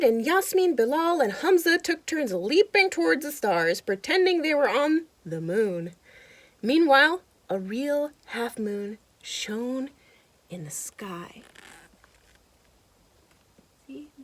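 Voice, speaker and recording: In a dry recording, a woman whose voice sits high hosts storytime, reading a picture book expressively. She's animated, talks straight to the children in asides, and draws their attention to things on the page.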